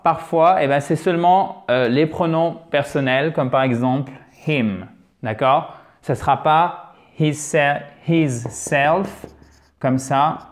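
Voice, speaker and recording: A man teaching an English lesson on video, lively and emphatic, often addressing his viewers as dear friends. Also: on the high side.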